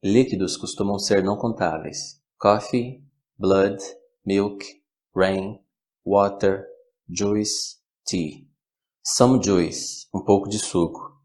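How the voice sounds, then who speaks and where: A man teaching a recorded language lesson, with slow, clear, measured delivery. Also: fairly low pitch, a little mellow. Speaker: English teacher.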